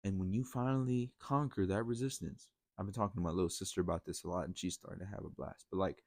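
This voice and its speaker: A man's voice: low voice, steady tone, quick pace, a little mellow, dry recording, clean studio sound. A man hosting a casual motivational monologue, blunt and profane, rambling with frequent restarts. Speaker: podcast host.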